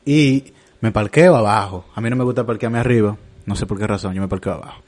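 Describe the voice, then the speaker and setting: A Dominican man hosting a podcast, telling a story about himself in a relaxed, self-mocking, slangy way. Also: fairly low pitch, fast. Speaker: podcast host. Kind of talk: casual storytelling chat.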